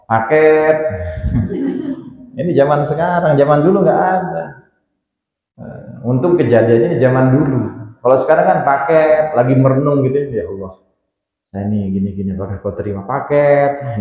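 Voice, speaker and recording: A man giving an Islamic study sermon, telling a story with lively jumps in pitch and asides to the audience, on a handheld microphone in a large hall. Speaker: preacher. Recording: echoey hall, dull lo-fi sound.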